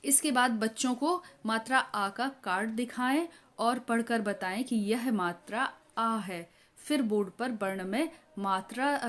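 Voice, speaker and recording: A woman teacher from India explaining a lesson step by step, pausing often with fillers and drawing out example words as if for young children. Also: fairly high pitch, fairly bright tone. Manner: slow, halting explanation with many filler pauses; models words for children in drawn-out syllables. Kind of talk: teacher training walkthrough of a workbook lesson.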